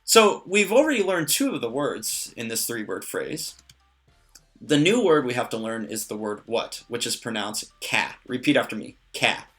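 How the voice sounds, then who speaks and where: A man teaching a language lesson in a relaxed way, with many fillers and joking asides. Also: mid-range voice, normal speed, soft background music. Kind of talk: casual lesson.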